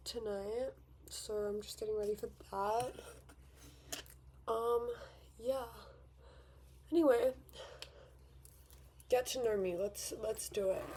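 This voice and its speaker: An eighteen-year-old Australian woman from Victoria, medium-pitched, chats casually and rambles a bit while doing her makeup for a get-ready-with-me vlog. She sounds chatty and self-deprecating, sitting at her bedroom vanity at home with noise in the background.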